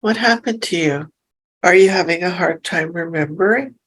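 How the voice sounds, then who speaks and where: A woman leading a hypnosis session, speaking softly and reassuringly as she gently asks questions. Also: lowish voice, slightly rough, rough recording. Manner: soft, slow and soothing, reassuring. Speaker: hypnosis practitioner.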